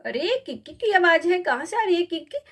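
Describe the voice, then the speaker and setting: Worried young mom, voiced by a woman, anxious, pleading, high voice. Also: lively intonation, a little fast, a bit bright. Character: worried young mother searching for her daughter. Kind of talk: doll story voice acting.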